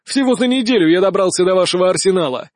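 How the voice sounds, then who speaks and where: A man voicing an arrogant young male usurper prince who shouts loudly and brashly. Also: sits high, expressive, quick pace, dry recording, studio quality. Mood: gloating.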